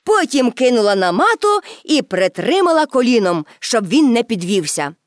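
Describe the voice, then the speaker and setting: A woman reads a children's story aloud, her higher voice rising and falling with animated color. The recording is dry and close, with no room sound. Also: normal speed, no room sound. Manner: lively and expressive. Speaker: narrator. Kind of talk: storybook reading.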